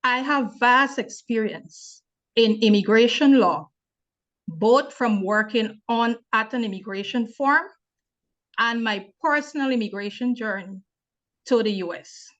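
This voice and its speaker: A young woman from Guyana, hosting and moderating a webinar on a video call, speaking in a measured, formal way. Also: fairly high pitch, a bit bright. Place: home or office on video call. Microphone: laptop mic on video call. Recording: dull lo-fi video call audio.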